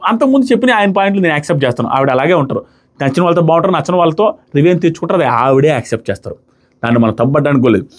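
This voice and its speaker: A man giving a casual, animated review of a reality show, mixing English words into his talk. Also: a little high, rapid-fire. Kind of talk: casual commentary.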